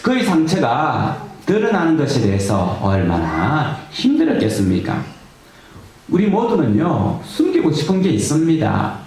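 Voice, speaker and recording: A man's voice: a little high, wildly swooping pitch, measured pace, a little mellow. A male pastor preaching a sermon in a conversational way, asking his congregation rhetorical questions. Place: church sanctuary. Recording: echoey church hall, faint noise.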